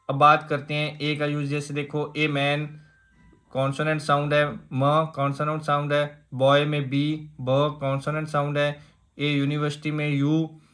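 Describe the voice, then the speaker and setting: A man's voice: a little high, a bit bright. A man gives a grammar lesson for exam students. He explains each point step by step, asks his class rhetorical questions and keeps repeating the key rule. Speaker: English grammar teacher.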